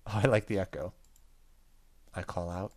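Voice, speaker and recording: A man hosts a let's play gaming video, reading the game's story narration aloud and throwing in casual, joking asides. His voice is low-pitched, a little mellow, and steady in tone, at a normal speed.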